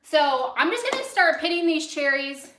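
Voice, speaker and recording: An American chef who grew up in Los Angeles hosts a cooking livestream, chatting casually in a high-pitched, very animated voice at normal speed, rambling off into asides as she works. The background is noisy, and the indoor sound is roomy and echoey.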